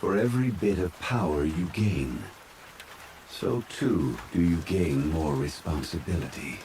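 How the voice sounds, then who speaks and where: A man playing a calm, ancient, scholarly immortal in human form, speaking formally and with measured courtesy in a soft ASMR roleplay. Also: deep voice, background noise. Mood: measured, courteous. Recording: steady rain sound laid behind voice. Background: rain falling.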